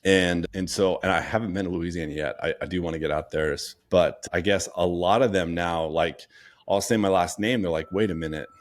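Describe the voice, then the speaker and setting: A man's voice: sits low, steady tone, a little fast. A young man hosting a podcast, chatting in a casual, rambling way with lots of fillers. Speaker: podcast host. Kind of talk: casual interview chat.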